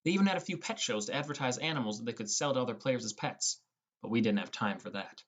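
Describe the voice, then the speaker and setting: Fast and expressive, a young man with a medium male pitch narrates a first-person fantasy adventure in a scripted audiobook delivery.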